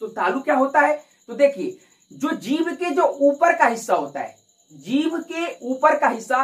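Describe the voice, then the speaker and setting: A woman's voice: sits high, sing-song, normal speed, rough recording. A woman teaching an exam-prep grammar lesson, asking herself questions and answering them while showing mouth positions. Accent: Hindi. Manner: repetitive, rhetorical questions answered herself, addresses "दोस्तों".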